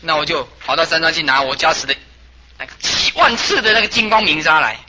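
A man, a Buddhist master, tells a story as a sermon in an animated way and chuckles as he talks. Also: on the high side, fast, dull audio, background noise.

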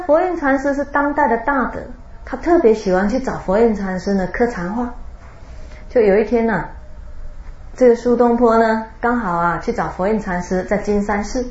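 A woman giving a Buddhist dharma talk, telling a Zen story with drawn-out particles and laughter. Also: fairly high pitch, darkish tone. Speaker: Buddhist teacher. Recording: roomy, dull lo-fi recording.

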